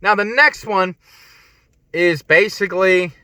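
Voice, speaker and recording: A man rambles through his stock picks from a parked car, circling back with "but anyway" after every tangent. His voice is fairly high and bright, a little congested, and the recording is close and dry. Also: takes it slowly, clear, resonant tone, no echo. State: congested, clearing throat. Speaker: stock-picking video host. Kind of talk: casual rambling stock talk. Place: in a car on a windy day.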